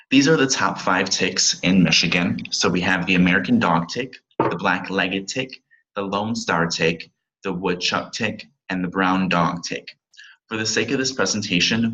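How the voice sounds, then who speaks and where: A man's voice: sits low, bright, forceful tone, highs cut off. A young man in his twenties, a pharmacy student, giving a recorded slide presentation and reading from his slides with small slips and restarts.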